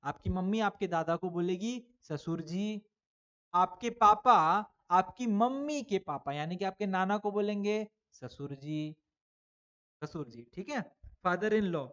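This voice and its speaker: A man teaches a class of children in a relaxed, chatty way, posing questions and answering them himself. His recording sounds a little dull and lo-fi. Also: high-pitched, takes it slowly, smooth. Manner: chatty, addresses pupils as "beta". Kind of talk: online exam-prep lesson for children.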